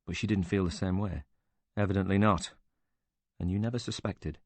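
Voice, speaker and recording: A man voicing a calm male interviewer who asks measured, probing questions. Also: low voice, no echo.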